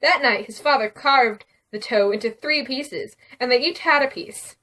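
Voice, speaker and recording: A woman reading a spooky story aloud and chatting casually, giggling often and dropping to a hush for the suspenseful parts. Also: high-pitched, normal speed, recorded from a distance. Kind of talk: casual storytelling and vlog chat.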